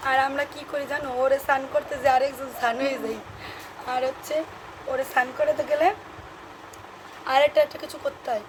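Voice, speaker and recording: A young woman vlogger chatting casually to viewers while she minds a baby, dropping into soft cooing baby talk. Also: high-pitched, noisy background.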